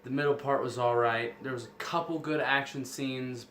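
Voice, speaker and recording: A man's voice: mid-range voice, fairly even intonation, normal speed, a bit bright. A man co-hosting a casual film review, giving his opinion in plain conversational speech. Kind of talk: casual movie review chat. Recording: roomy echo, faint background noise.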